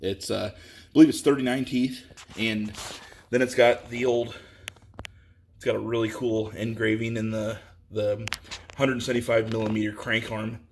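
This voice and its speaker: A man giving a casual, halting walkthrough of a bike in a workshop, with lots of fillers, a bit out of breath. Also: lowish voice, flat delivery, darkish tone, slight background noise. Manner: rambling, halting, with many fillers. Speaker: bike reviewer. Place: indoor workshop.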